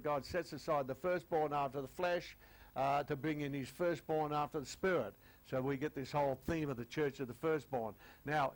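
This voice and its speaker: This is an older man giving a Bible teaching, his voice sitting a little high for a man and slightly croaky. He speaks in a loose, conversational way, full of fillers and restarts. He slows down deliberately to read the scripture. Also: low-quality recording. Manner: conversational, many fillers, reads scripture slowly. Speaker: preacher. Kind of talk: sermon teaching.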